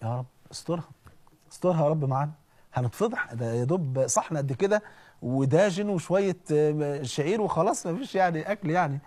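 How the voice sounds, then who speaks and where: A man's voice: on the high side, fast, a little mellow, close to an everyday voice. A preacher playing a flustered young man hosting a meal, speaking in Egyptian Arabic with nervous, pleading haste. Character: anxious young male host of a meal.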